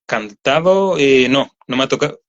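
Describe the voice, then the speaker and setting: A man's voice: mid-range voice, lively intonation, moderate pace. A man with a Chilean accent, a voice actor chatting at length in an interview and explaining with many fillers. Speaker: voice actor guest. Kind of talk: casual interview chat. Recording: slightly dull lo-fi audio.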